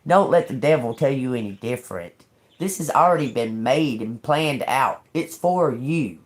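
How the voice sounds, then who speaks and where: A woman's voice: rumbling low, expressive, normal speed. A woman in her fifties doing a tarot reading for viewers in an emphatic, chatty way, calling them y'all. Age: 50s. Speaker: tarot reader.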